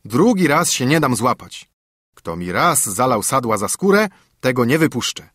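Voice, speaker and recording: A bold, cheerful young student in a fairy-tale audiobook, voiced by a man. He speaks higher and louder than the narration, eager and quick-witted, with lively pitch. The sound is dry and close. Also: slightly rough, dry recording. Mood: defiant. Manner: eager, raised and bright delivery.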